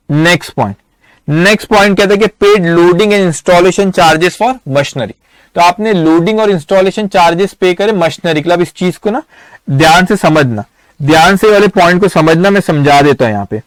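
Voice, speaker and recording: A man's voice: high-pitched, no room sound. A man teaching accounting in a live online lecture, asking students questions and answering them himself.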